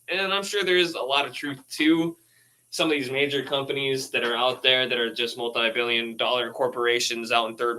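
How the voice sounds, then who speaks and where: An American man with a medium-pitched voice and a sharp tone reads out news posts and riffs on them in casual, rambling commentary full of laughing asides and swearing. The recording quality is low.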